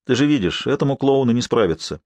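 A man's voice: mid-range voice, expressive, fast talker, a little mellow, no room sound, natural voice. A man voicing a stern, tired old man who gives curt orders in an audiobook. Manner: curt, barking.

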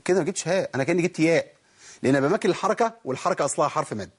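Fast-talking husky Egyptian teacher. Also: male voice, a little high, expressive. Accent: Egyptian Arabic. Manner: explains by asking and answering his own questions, demonstrates sounds. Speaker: Quran recitation teacher. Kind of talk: tajweed lesson.

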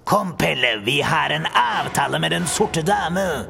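A man voicing a vain, bossy male pirate captain in a storybook audiobook, gravelly and commanding. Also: animated, heavily acted. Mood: urgent. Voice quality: gravelly, high and strained. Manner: commanding, boastful. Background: music.

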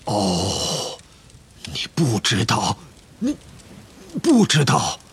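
A man voicing a huge, gruff, hot-tempered half-giant groundskeeper in an audiobook, with a rough voice and booming outbursts. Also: huge pitch swings, extremely slow, full character voice. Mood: indignant. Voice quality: gravelly, rough. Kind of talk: audiobook character reading.

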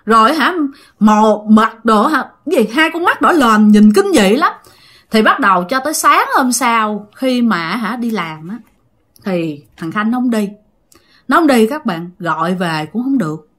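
Southern vietnamese woman telling a ghost story to her listeners, super lively up and down voice, bright. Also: a little high, unhurried. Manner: animated, addresses listeners directly.

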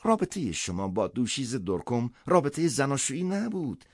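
A man's voice: medium pitch, very animated, darkish tone, no echo, studio quality, voice pushed up. A man voicing an imploring, apologetic man on the phone in a storybook reading. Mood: pleading.

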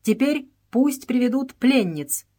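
A woman's voice: sits high, expressive, dark tone, voice pushed up, full character voice. A woman voicing a cold imperious princess. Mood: solemn command. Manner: solemn, commanding, slow-paced.

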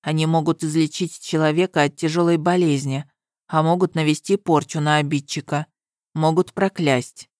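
A woman voicing a stern, suspicious young male guard commander in an audiobook, speaking flatly and coldly. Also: low-pitched, normal speed, dry recording, studio quality, close to an everyday voice. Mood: grave. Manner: flat, cold, commanding. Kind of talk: audiobook character reading.

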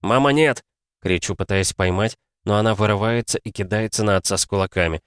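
A man narrating a first-person story in a measured, subdued way. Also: fairly low pitch, steady tone, clear, resonant tone, dry recording, clean studio sound. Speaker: audiobook narrator.

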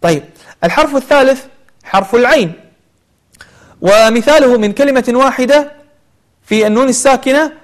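A man teaching the rules of Quran recitation. He explains each rule and then recites examples slowly, repeating them. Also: very high-pitched. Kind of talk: tajweed lesson.

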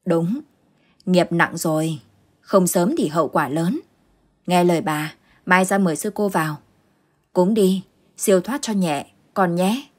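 A woman's voice: fairly low pitch, a little slow, pauses often, darkish tone. A woman voicing a stern old village woman who gives firm, curt orders in a ghost story.

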